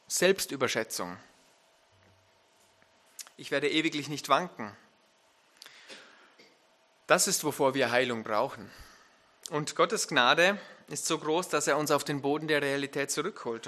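A man preaching a sermon as pastor, emphatic, turning to his listeners with direct questions and climbing to loud, fervent peaks. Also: mid-range voice.

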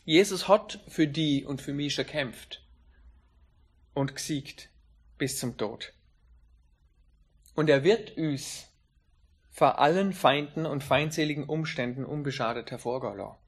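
A man preaching a sermon in an emphatic way, slowing down on key phrases. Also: a little high, slightly rough.

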